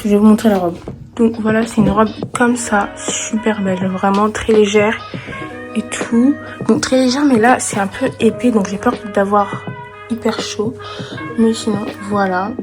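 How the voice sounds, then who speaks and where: A woman's voice: medium pitch, fairly even intonation, moderate pace, music in the background. A woman in her twenties talks casually to viewers while walking around outdoors with a handheld phone camera, chatting and making self-conscious asides. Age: 20s. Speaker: travel vlogger. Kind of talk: casual solo travel vlog. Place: outdoors, walking through parks and streets.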